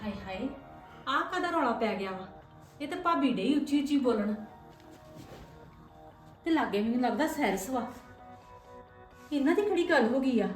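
A woman's voice: high-pitched, expressive, normal speed, long pauses, faint music behind. A woman playing a self-pitying visiting aunt. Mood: worried. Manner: lamenting, talking to herself. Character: wronged, self-pitying visiting sister and mother. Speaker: visiting aunt in a family skit. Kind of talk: comic family skit acting. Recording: echoey room, voice from a distance.

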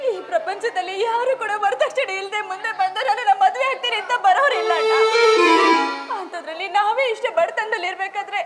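A woman's voice: extremely high pitch, fairly quick, loud music behind the voice. A woman playing a poor young sister who speaks in a tearful, sorrowful, declamatory way in a village stage drama.

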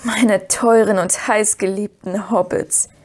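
A woman reading the part of Frodo, a worried young male hobbit who speaks hesitantly and gravely. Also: on the high side, fairly even intonation, brisk, darkish tone. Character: earnest young male hobbit, burdened and anxious.

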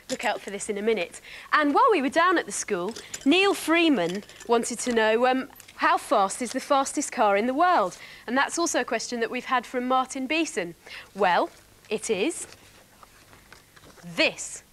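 A young woman presenting a children's TV programme, explaining things clearly and brightly to young viewers. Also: sits high, slight background noise.

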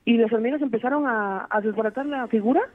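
A man, calling in to recount a frightening experience, rambling and filling pauses with "este". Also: very high-pitched. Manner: rambling, many "este" fillers. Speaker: caller. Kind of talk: telling a true scary story. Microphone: phone line. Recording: tinny phone line.

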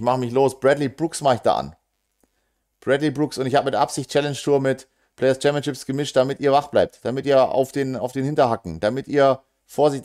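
A man's voice: mid-range voice, a little mellow. A German man giving live darts commentary: casual, joking, groaning over near misses and talking straight to his audience. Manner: talks fast and casual with quick asides to the audience.

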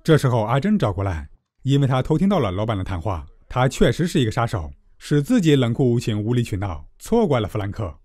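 A man giving a scripted, comedic movie recap narration with tongue-in-cheek, deadpan joking. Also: medium pitch, fast, dry recording, studio quality.

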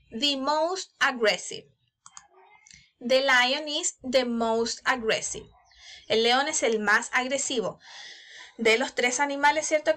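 A woman's voice: on the high side, pushed and bright. A woman with a Chilean Spanish accent teaching an English grammar lesson in a recorded online class, explaining step by step and checking in with her students often. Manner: explains slowly, checks in with "¿ya?" and "¿cierto?".

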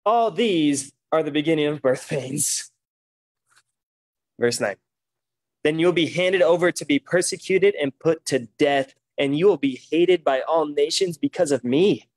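A man's voice: fairly high pitch, unhurried, no room sound. A man preaching a sermon at a pulpit microphone, reading scripture aloud and breaking in with emphatic remarks. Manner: reads scripture aloud, then comments with emphatic exclamations.

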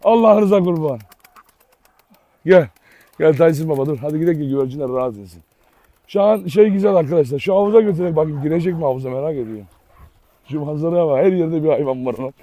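A man's voice: a little high, fast, mellow, no echo. A man hosting a casual outdoor dog vlog, coaxing his dogs and talking to viewers by turns. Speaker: dog owner and channel host.

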